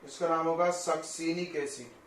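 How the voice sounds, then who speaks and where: A man's voice: on the high side, steady tone, moderate pace, distant mic, slight background noise. A male chemistry teacher giving a classroom lecture, explaining step by step and often checking that students follow. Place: coaching classroom. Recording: echoey classroom.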